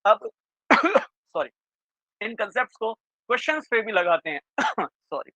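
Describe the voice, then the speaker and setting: Bright high-voiced male coaching teacher. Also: dry recording. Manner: keeps checking in with students, asking "clear?"; quizzes the class with rapid questions. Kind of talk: reasoning lesson for exam prep. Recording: dry, slightly dull lo-fi sound.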